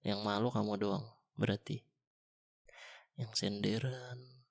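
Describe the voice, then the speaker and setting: A young man speaks in a whispered role-play as a boyfriend. His low voice is gravelly and husky. He coaxes softly and teases gently. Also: steady tone, takes it slowly. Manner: soft, coaxing and gently teasing. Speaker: ASMR boyfriend role-player.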